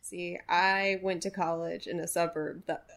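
A woman's voice: on the low side, fairly even intonation, unhurried, gravelly, fairly bright tone. A young woman from Sacramento co-hosting a podcast, chatting in a playful, joking way. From Sacramento, California. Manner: playful, jokey storytelling. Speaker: podcast co-host. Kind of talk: casual chat.

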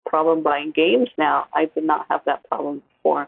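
A woman's voice: deep voice, little pitch movement, moderate pace, creaky, breathy edge, no echo, faint music behind. A woman co-hosting a podcast, chatting casually and laughing easily. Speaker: podcast co-host. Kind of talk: casual chat. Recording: tinny phone-like line.

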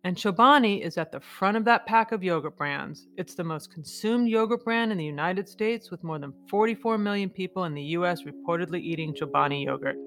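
A woman's voice: on the low side, fairly quick, few pauses, fairly bright tone. A woman narrating a scripted podcast introduction as its host. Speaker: podcast host, advocacy group director.

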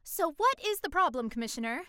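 A woman voicing a perky young female ship crewmate who speaks in a chirpy, brisk way. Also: sits high, big pitch swings, sharp tone, no room sound, studio quality, full character voice.

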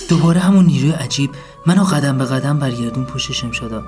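A man narrating a comic first-person story in a deadpan tone. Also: mid-range voice. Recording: faint music behind.

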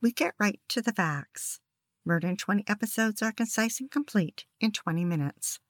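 A woman's voice: mid-range voice, animated, normal speed, no room sound, clean studio sound. A woman hosting a podcast, reading scripted true crime narration in a matter-of-fact storytelling way. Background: background music.

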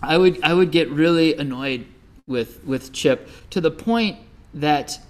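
A man's voice: fairly high pitch, measured pace. A middle-aged Midwestern man giving a Buddhist dharma talk as a teacher, telling stories conversationally with many fillers. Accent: Midwestern American.

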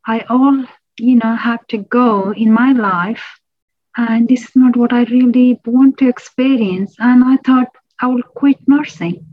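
A woman from Nepal, a public health lecturer, telling her personal story in an interview, reflective and pausing with restarts. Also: fairly high pitch, dry recording, phone-quality sound.

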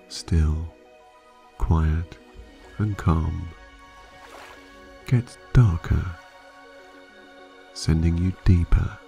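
Soft music accompanies a man's low-pitched, creaky narration of a guided sleep meditation. In sleep-story style, he is calm, measured, and hypnotic, letting long pauses fall between phrases.

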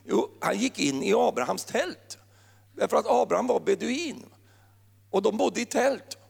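A man's voice: high-pitched, expressive, vocal fry, slightly rough, big-room sound. A man preaching a sermon in a playful, joking way, full of wordplay. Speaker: pastor.

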